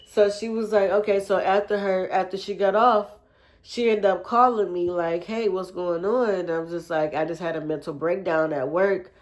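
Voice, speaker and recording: A young woman tells a personal story to her listeners. Her voice sits a little low, and her delivery is loose and chatty, full of fillers, with frequent asides to "y'all". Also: fairly even intonation, moderate pace. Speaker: podcast host. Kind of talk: casual storytelling to camera.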